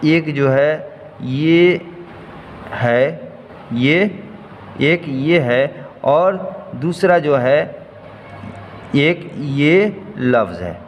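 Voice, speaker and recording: A man's voice: fairly high pitch, lively intonation, drawn-out words, pauses often, muffled recording. A man teaching how to write and read Urdu letters, explaining step by step and repeating each point patiently. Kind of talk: slow step-by-step lesson. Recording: faint noise, long hall reverb.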